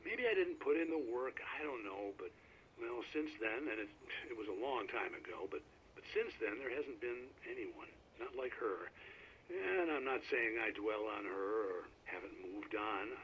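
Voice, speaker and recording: A man's voice: mid-range voice, animated, moderate pace, fairly bright tone, slight background noise, close to an everyday voice. An actor playing a chatty, folksy male radio host in a game, talking to his listeners. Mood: wistful. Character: male late-night small-town radio host. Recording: slightly dull game radio audio.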